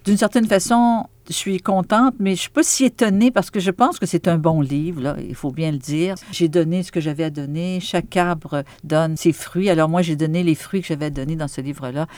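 Québécois woman novelist as interview guest, musing and halting, close dry sound. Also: on the low side, darkish tone, dry recording. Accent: Québécois French. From Quebec. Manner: thoughtful, halting, with frequent fillers and repeated words. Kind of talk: reflective interview talk.

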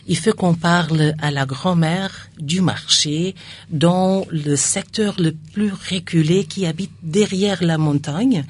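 A woman's voice: low voice, slightly rough. A woman with a foreign accent in French, a non-native speaker searching for words in a conversational interview. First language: not French. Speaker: radio station staff member being interviewed.

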